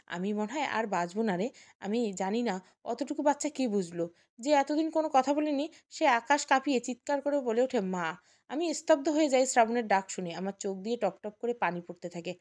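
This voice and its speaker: A woman's voice: on the high side, darkish tone. Tearful woman storyteller. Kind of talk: emotional first-person audio story narration.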